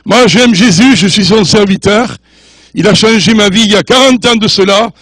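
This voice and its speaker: Older man, high-pitched, a guest preacher joking with his church; dry, close recording. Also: normal speed, fairly bright tone, no echo. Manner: jovial, joking with the congregation; mixes French, English and Spanish. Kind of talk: sermon.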